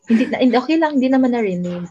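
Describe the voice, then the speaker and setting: A woman co-hosting a casual podcast chat with quick reactions and teasing asides. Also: on the high side, lively intonation, mellow, dull audio.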